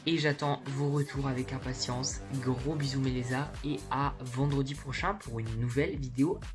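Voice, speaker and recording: A woman's voice: very deep voice, fairly even intonation, normal speed, music in the background. A woman chatting informally and candidly to viewers in a slangy, casual makeup haul vlog, recorded in her bedroom. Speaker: beauty vlogger.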